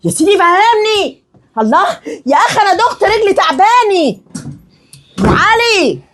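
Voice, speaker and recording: High, animated Egyptian woman nagging. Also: normal speed, noisy background. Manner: nagging, demanding, suspicious. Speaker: suspicious wife. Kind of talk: comedic Egyptian sketch acting.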